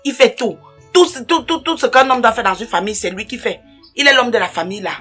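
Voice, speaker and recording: A woman's voice: a little high, expressive, quick pace, sharp tone, breathy edge, soft background music, full character voice. A woman playing a scolding, dismissive older sister in a comedy sketch. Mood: complaining. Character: bossy older sister who spent his money.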